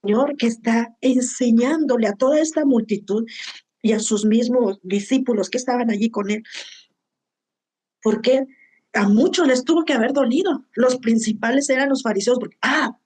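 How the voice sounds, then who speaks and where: A woman's voice: on the high side, moderate pace, darkish tone. Lady teaching bible to a group of women, heartfelt, keeps checking in with the room. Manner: heartfelt, tags lines with "¿verdad?".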